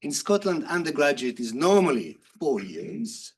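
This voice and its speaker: A man with a somewhat high voice gives a conference talk as a university lecturer. He speaks interactively, posing questions to his listeners and then answering them. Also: big pitch swings, measured pace, husky. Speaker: university lecturer in nursing and health informatics. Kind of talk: conference presentation to an audience.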